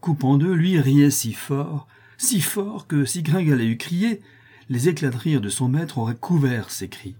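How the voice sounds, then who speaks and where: A man reading an audiobook novel aloud in an expressive storytelling manner. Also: on the high side, unhurried, slightly rough. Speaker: audiobook narrator. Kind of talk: scripted audiobook narration.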